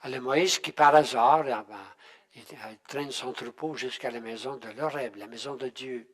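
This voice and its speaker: An older man teaching a Bible class in a halting, conversational way, often restarting and checking in with his listeners. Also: medium pitch, a bit bright. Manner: halting, with many restarts and tag questions. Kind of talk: unscripted Bible class talk.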